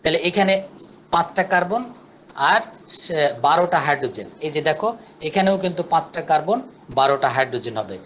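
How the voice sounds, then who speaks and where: Man, chemistry teacher, high voice, patient and repetitive, faint background hum. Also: expressive, a little fast, long pauses, fairly bright tone. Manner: patient, repetitive, counts steps aloud. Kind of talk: online class lecture.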